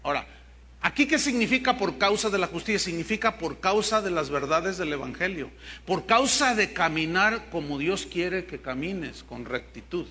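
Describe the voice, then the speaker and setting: Lively, bright-voiced Mexican preacher. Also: male voice, high voice, normal speed, a little hiss or hum. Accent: Mexican Spanish. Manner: storytelling preacher, jokes with the congregation. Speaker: pastor. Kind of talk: sermon.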